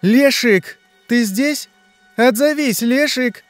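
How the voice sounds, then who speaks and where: A man voicing a huge, bloated female monster who calls out and pleads in a shrill voice. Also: slow, no room sound, faint music behind. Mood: pleading. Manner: calling out, pleading.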